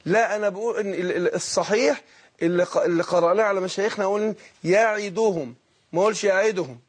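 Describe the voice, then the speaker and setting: A middle-aged man with an Egyptian accent teaching Quran recitation on a call-in lesson, patiently explaining and drawing out the recited words slowly. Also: high voice, steady tone, slightly rough. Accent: Egyptian Arabic.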